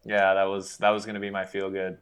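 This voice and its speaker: A man with a fairly low voice guesting on a podcast. He talks in a laid-back, unhurried way, slipping in dry jokes between uhs and ums. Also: completely flat delivery, a bit bright. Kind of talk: casual chat.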